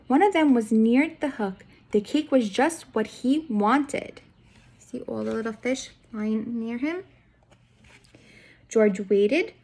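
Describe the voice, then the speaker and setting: A woman gives a children's read-aloud of a picture book, her voice fairly high in pitch and a little mellow. She reads expressively as a teacher would, speaking straight to the young audience and guiding them with questions.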